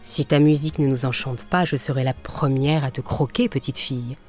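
A woman voicing a young female wolf in a storybook, alternating between growls and lively speech. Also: rumbling low, a little fast, faint music behind, voice pushed down. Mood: growling. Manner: growling, animated. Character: young female wolf, fierce then playful.

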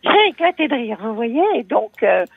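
A woman in her eighties calling in to a radio show, chatting in a lively way about her life. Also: normal speed, vocal fry, slightly rough. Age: 80s. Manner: lively and chatty, with big swings in pitch. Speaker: caller. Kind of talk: phone-in confiding chat. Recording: tinny phone line.

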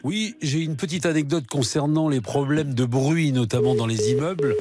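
A man's voice: mid-range voice, moderate pace, background noise. A man explaining things in a wordy, earnest way as a show contributor. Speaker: on-air consumer show contributor. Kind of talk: explanatory anecdote in studio chat.

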